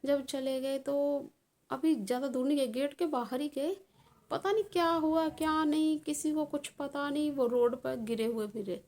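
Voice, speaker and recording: Young woman vlogger, slightly high voice, rambling casual storyteller with lots of fillers. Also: moderate pace, darkish tone. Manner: rambling with many fillers and restarts.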